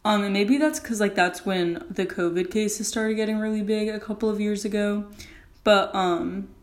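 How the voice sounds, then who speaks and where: A woman's voice: mid-range voice, fairly even intonation, normal speed. A young woman hosting a casual solo podcast recorded in a bathroom, talking in an informal, rambling way peppered with "like". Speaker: podcast host.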